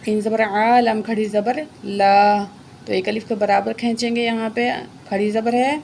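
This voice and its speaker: A woman teaching Quran reading word by word, explaining each letter and then reciting slowly and drawn out. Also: on the high side, little pitch movement, gravelly, a little mellow, a little hiss or hum.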